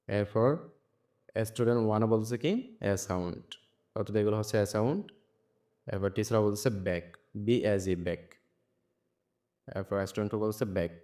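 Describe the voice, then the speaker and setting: A young man teaching a textbook lesson, reading each English phrase slowly and then translating it word by word. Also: fairly low pitch, mellow.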